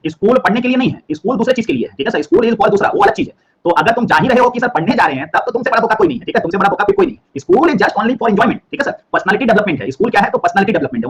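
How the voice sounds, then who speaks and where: A young man teaching a biology class, playful, repeating every phrase and checking in with his students. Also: high voice. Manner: playful, repeats each phrase, constant "ठीक है sir?" tags. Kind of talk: online class lecture mixing Hindi and English.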